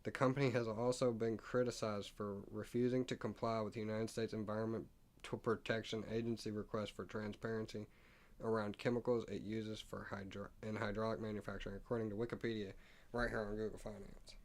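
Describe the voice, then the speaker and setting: A man's voice: fairly low pitch, flat delivery, brisk. A man hosting a casual stock market live stream, thinking aloud as he reads prices and figures off the screen. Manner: reads text aloud with stumbles and asides. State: hiccuping.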